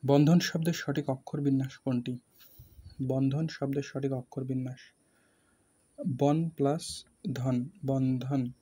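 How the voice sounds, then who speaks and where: A man with a Bangladeshi Bengali accent, walking through exam questions as a tutor, talking haltingly with many fillers and pauses. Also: medium pitch, level tone, dark tone, breathy edge.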